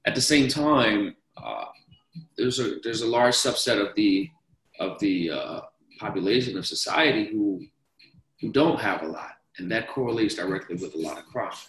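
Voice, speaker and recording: This young Danish podcast guest speaks at a moderate pace with a fairly low, expressive, slightly bright voice while discussing investing. His casual interview answers ramble, full of restarts and repeated words, recorded in an echoey room at low quality.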